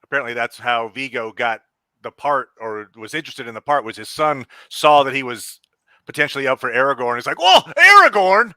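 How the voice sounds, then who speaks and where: A man's voice: medium pitch, fairly even intonation, a little fast, sharp tone, clean tone, no echo. A man co-hosting a casual book discussion podcast, talking in a rambling, easygoing way. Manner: conversational, rambling, easygoing asides. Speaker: podcast co-host.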